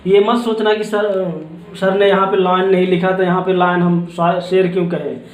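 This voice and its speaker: A man teaching a spoken grammar lesson, explaining slowly and checking in with "ठीक है" after each point. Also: sits high, flat delivery. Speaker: English teacher. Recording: echoey room.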